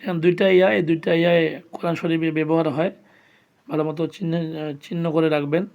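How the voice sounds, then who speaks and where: A man's voice: a little high, little pitch movement, fast talker, dull audio. A man teaching the Arabic letters as a Quran lesson, patiently sounding out each letter and repeating it for learners. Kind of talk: slow step-by-step pronunciation lesson.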